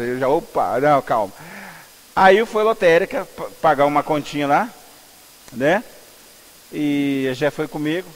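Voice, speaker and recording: Brief: Brazilian male pastor, fairly high voice, chatty storytelling sermon, long church reverb. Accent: Brazilian Portuguese. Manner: conversational, animated storytelling with asides to the congregation. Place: church sanctuary.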